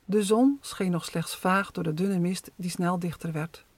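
Storyteller, children's story narration, calm even reading, mid-pitched voice, dry close recording. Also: measured pace, dry recording.

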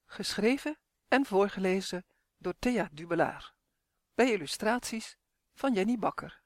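Woman reading a kids rhyme story, slow n very lively, dry close sound. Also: mid-range voice, no room sound. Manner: lively sing-song rhyming read. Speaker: author and reader. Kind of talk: storybook narration.

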